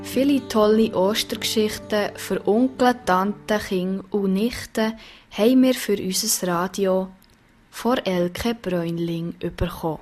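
A woman radio presenter giving a calm, measured announcement. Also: mid-range voice, soft background music.

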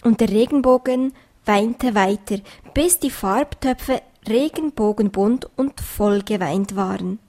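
A woman calmly narrating a children's story. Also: mid-range voice, takes it slowly.

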